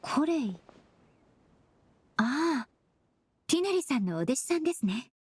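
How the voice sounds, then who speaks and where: A woman voices a composed young female investigator from an anime game, her high voice very animated. She speaks with gentle, formal, measured politeness, calm and courteous in mood.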